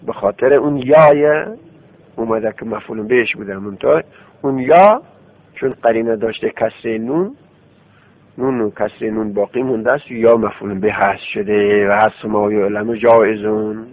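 Man teaching grammar over tinny radio. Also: fairly low pitch. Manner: repeats words in drills, explains step by step. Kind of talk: classroom grammar lesson. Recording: tinny phone-like radio recording.

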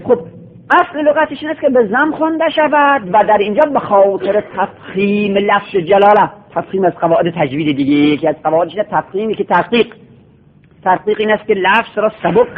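Male teacher, high voice, classroom lecture style, drills word forms in repeated lists; tinny, phone-like sound. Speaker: teacher of Quranic recitation and Arabic grammar.

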